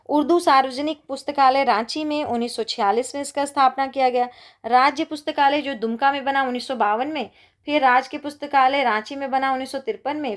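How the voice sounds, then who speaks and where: A woman, teaching an exam-prep lecture in an encouraging, conversational way as she reads lists aloud. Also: high-pitched.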